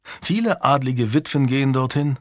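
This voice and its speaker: A man reading an audiobook voices a grieving older noble widow, speaking quietly and sadly. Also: medium pitch, animated, normal speed, no echo, clean studio sound, lightly acted. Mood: melancholy.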